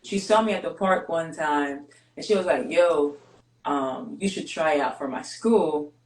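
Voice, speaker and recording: Here a basketball player, a woman native to Greece whose first language is Greek, speaks in a low voice over a reverberant, low-quality recording. Interviewed as a guest, she narrates her life candidly and steadily, with deliberate pauses.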